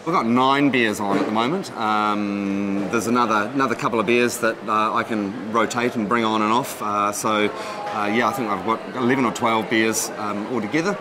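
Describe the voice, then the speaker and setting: A middle-aged man, a head brewer, explains his work in a documentary interview. He is steady but stops often for ums and restarts. The brewhouse hums loudly behind him. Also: fairly low pitch, normal speed, background noise. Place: brewhouse beside a brick kettle.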